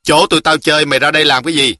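A man voicing a grumpy, bossy older-brother boy, gruff and scolding. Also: mid-range voice, fairly quick, sharp tone, no echo, clean studio sound.

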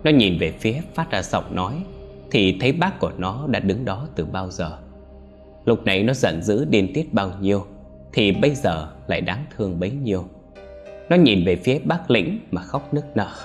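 Low-voiced man narrating a ghost story. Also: expressive, moderate pace, faint music behind.

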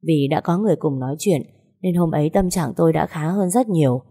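Casting: woman audiobook narrator, low-pitched, measured and sorrowful first-person telling. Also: dark tone, breathy edge.

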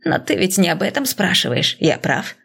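A gentle male god speaks softly and hesitantly, with a slightly gravelly edge, as a woman reads him aloud. His reassurances come measured and cautious, like a calm deity in an audiobook. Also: lowish voice, exaggerated voice.

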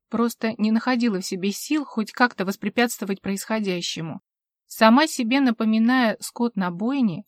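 A woman narrating a fantasy audiobook in an expressive, dramatic reading. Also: a little high, no room sound. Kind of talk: scripted narration.

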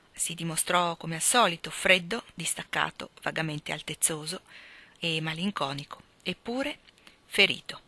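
A woman narrating a classic novel as an audiobook reader, in a measured, even reading voice. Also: lowish voice, no room sound.

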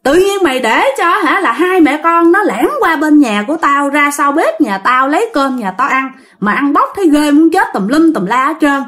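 A shrill old woman, scolding and indignant, as a woman storyteller puts her on. She snaps in a high, loud voice from a spoken ghost story. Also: animated, brisk.

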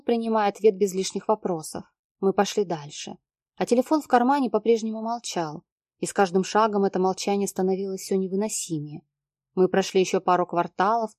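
A woman's voice: medium pitch, warm tone, no room sound, studio quality. A young woman reading a first-person story aloud as narrator.

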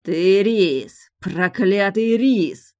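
A woman's voice: mid-range voice, lively intonation, extremely slow, darkish tone, pitched above the performer's own voice. A woman voicing a dying young man, a vicious bastard prince, wheezing and spiteful as he gloats.

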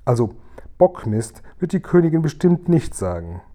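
A spirited little storybook girl, outspoken and eager, her lines pitched up and pushed louder, as a man reading aloud puts her on. The voice stays soft and mellow underneath. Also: sing-song, normal speed. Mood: indignant. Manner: eager, raised and higher voice.

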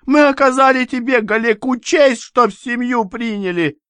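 A man's voice: moderate pace, fairly bright tone, clear, resonant tone, no echo. A man voicing a grief-stricken older mother who shrieks in a piercing, indignant voice. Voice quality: piercing, shrill.

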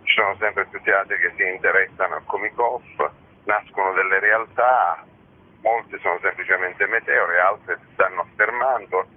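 Low-pitched and slightly breathy, this man talks at a normal speed in a muffled, lo-fi radio interview. As a festival organiser, he chats in a frank, matter-of-fact, discursive manner.

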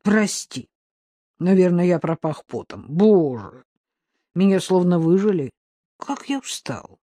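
A woman's voice: fairly low pitch, sing-song, unhurried, warm tone, dry recording, clean studio sound. A woman reading the part of a weary young man who mumbles sheepish excuses, in an audiobook. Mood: tired. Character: weary, fibbing young man, dog's owner.

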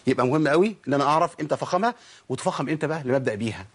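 A man's voice: fairly high pitch, animated, rapid-fire, husky. A man with an Egyptian Arabic accent giving a spoken lesson on Quran recitation rules, asking questions and then answering them himself.

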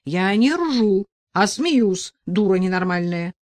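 A woman's voice: mid-range voice, expressive, slow pace, darkish tone, dry recording. Woman doing a rude burly male thug. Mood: gruff, mocking.

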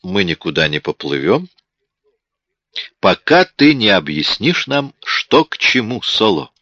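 A man reading an audiobook, voicing a smug, sharp police detective who talks in a cool, mocking way. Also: lowish voice, sing-song, unhurried, dry recording, heavily acted. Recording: dull lo-fi audiobook recording.

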